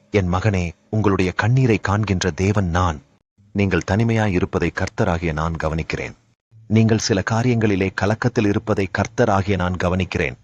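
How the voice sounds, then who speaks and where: A man's voice: deep voice, no room sound. A man delivering a devotional message in God's voice, solemn and comforting, addressing listeners as his daughters and sons. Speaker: devotional speaker. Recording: dull, lo-fi and dry.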